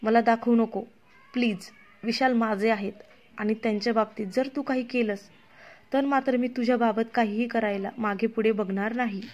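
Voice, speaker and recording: A woman voicing a jealous young woman who accuses and threatens her rival in a sharp, scornful way. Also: on the high side, steady tone, fairly quick, dull audio, natural voice. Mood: angry.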